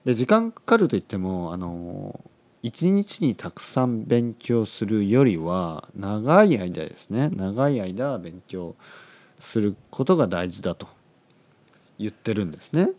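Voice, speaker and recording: A man talks into a studio microphone, keeping his voice low and gentle because his throat is sore. His pitch rises and falls a lot as he goes. He speaks slowly and simply for learners, often adding "ne" and repeating phrases. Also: sing-song. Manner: speaks softly, frequent "ne" tags, repeats phrases. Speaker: podcast host for Japanese learners. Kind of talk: slow, simple podcast talk for learners. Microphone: studio microphone, seated.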